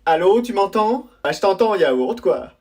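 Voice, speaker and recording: A comedian acting out short school and family sketches, switching quickly between characters. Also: mid-range voice, very animated, darkish tone. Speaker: sketch comedian playing all parts. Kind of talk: comedy sketch role-play.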